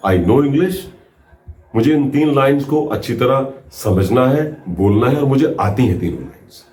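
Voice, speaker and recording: A man teaching a spoken English lesson, giving slow drawn-out prompts and counting out pauses. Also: medium pitch, a little mellow, echoey room.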